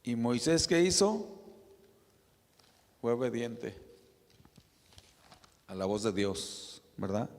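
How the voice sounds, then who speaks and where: Pastor preaching slow, gravelly voice, big echoey church hall. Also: male voice, medium pitch, big pitch swings. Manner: conversational preaching, tag questions, soft asides. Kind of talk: sermon. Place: church sanctuary.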